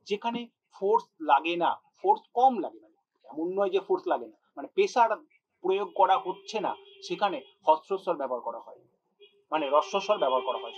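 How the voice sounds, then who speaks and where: A man's voice: high-pitched, dull audio. A man teaching a spoken grammar lesson, patient and repeating his points, addressing students directly and sounding out words to show pronunciation. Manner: patient, repeats points to drive them home. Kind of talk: spoken exam-prep lesson.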